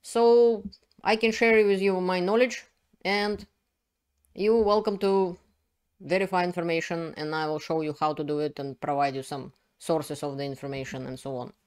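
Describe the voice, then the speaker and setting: A woman's voice: lowish voice, fairly even intonation, moderate pace, darkish tone, clean tone. Russian-accented woman hosting a commentary channel. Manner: earnest, explanatory, with frequent fillers and restarts. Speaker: channel host. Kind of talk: solo commentary video.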